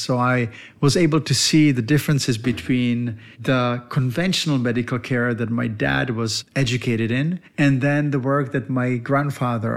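A man speaks his own podcast as a solo monologue. He is a veterinarian, and his delivery is earnest and reflective, with a voice at a middle pitch for a man. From Czech Republic.

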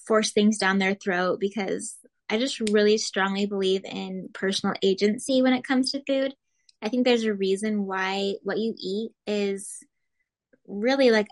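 Mom from arizona chatting as a guest, easygoing, says "like" a lot, laughs a bit. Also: female voice, mid-range voice. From Arizona, USA. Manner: relaxed, rambling, with lots of "like" and light laughs. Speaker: guest, recipe blogger and mother. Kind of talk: casual interview chat.

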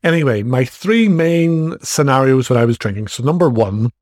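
The recording has studio quality and no room sound, carrying the mid-range, darkish voice of an Irish man in his forties. Hosting his own casual solo podcast, he speaks at normal speed with lively intonation, in a frank, chatty, self-deprecating manner.

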